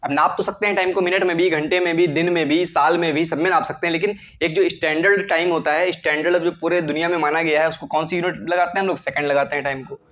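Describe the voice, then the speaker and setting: Guy teaching chemistry, talks super fast, dull lo-fi audio. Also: a little high, steady tone, a bit bright. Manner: asks and answers his own questions. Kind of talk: classroom lecture.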